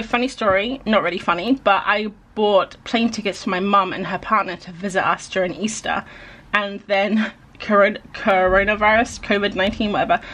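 A young woman talks through viewer questions in a loose, rambling vlog voice-over. Her voice is slightly husky, sitting at an ordinary pitch, and she laughs at herself and fills gaps with "like" as she goes. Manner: rambling, self-deprecating, with frequent "like" fillers. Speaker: illustrator answering viewer questions. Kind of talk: casual chatty vlog voice-over.

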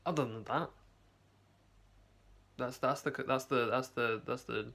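Young guy vlogging from his basement on a phone, gravelly low-key voice, keeps restarting sentences. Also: measured pace, sharp tone. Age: young adult. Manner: rambling, hesitant, many restarts. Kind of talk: casual video diary. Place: home basement, indoors. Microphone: phone camera held close.

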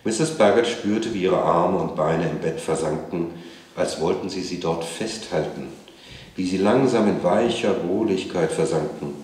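A man reading a novel aloud at a literary event in a museum, in a calm and measured way. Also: low-pitched. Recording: echoey room.

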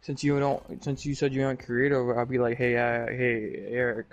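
A man's voice: mid-range voice, level tone, moderate pace, highs cut off. A young man in casual voice chat with friends, talking hesitantly with restarts and filler words.

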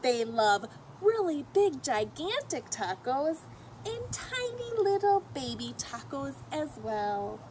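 Outdoors on a fenced patio or deck, a middle-aged woman reads a picture book to children, her high voice slow, expressive and emphatic as she speaks directly to the kids and the characters. A camera a short way off captures it, with faint noise in the audio.

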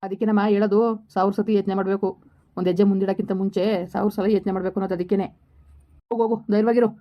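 Woman playing a reassuring, fast-talking police officer. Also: medium pitch, flat delivery, natural voice. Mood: soothing. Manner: reassuring, fatherly, rapid. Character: calm, firm police officer advising a woman. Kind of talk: village family drama. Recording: dull lo-fi recording.

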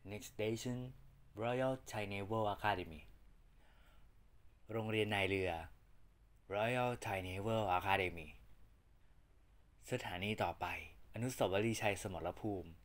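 Man, train station announcement, formal, measured, unhurried delivery, lowish pitch. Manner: formal, measured, evenly spaced phrases.

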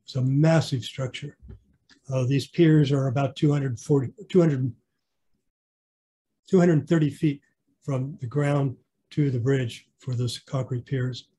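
A man's voice: medium pitch, fairly even intonation, unhurried, pauses often, dark tone, husky. A man giving a casual online slideshow clinic about his model railroad, rambling with fillers and restarts. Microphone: video call.

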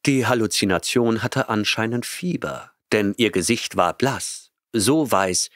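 A man narrating a science-fiction audiobook in a measured, even storytelling manner on a close studio mic. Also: on the low side, dry recording. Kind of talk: scripted narration.

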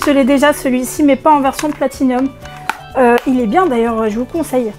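A woman unboxing video games in a casual vlog, excitable and chatty, with a strained voice she tries not to push. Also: sits high, fairly quick, over music. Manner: excitable, chatty, many fillers. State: strained voice, holding back from shouting. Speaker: vlogger.

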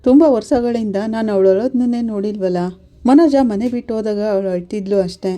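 A woman's voice: mid-range voice, brisk, warm tone, natural voice. A woman voicing a patient elderly father puzzled by his wife's tears. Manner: questioning, patient.

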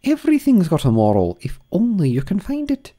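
A man voicing an ugly, chummy old noblewoman who finds a moral in everything, in a high, drawn-out, sing-song voice. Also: huge pitch swings, dark tone. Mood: gushing, moralizing.

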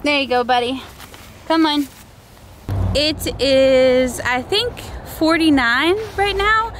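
Giggly high-voiced woman vlogging. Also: slow, fairly bright tone, a little hiss or hum. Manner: giggly, chatty. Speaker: vlogger and mother. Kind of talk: casual family vlog chat. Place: car and grocery store. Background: background music.

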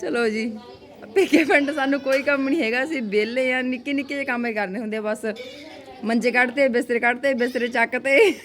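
A woman with a Punjabi accent chatting casually as a family vlogger, with an animated, exclaiming manner. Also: high-pitched, quick pace. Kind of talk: casual family vlog chat.

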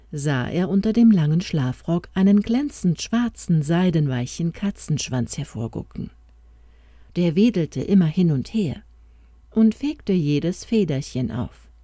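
A woman reads a fairy-tale audiobook in a calm, expressive manner. Her voice is low and mellow, moving through a lively melody at an unhurried pace, with a dry, close sound. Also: dry recording. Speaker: audiobook narrator.

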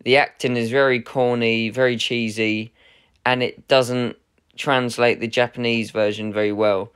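Male vlog host, mid-pitched, resonant voice, casual and rambling, keeps correcting himself. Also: little pitch movement, unhurried, a bit bright, smooth. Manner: rambling, hesitant, with many "uh"s and self-corrections. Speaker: channel host unboxing a film collector's edition.

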